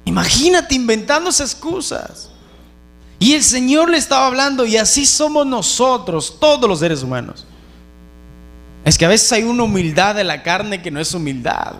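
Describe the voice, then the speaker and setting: Male preacher giving a sermon, high voice that jumps around a lot, very emphatic. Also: big pitch swings, normal speed, a bit bright. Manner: emphatic, exhorting, addresses listeners as brothers.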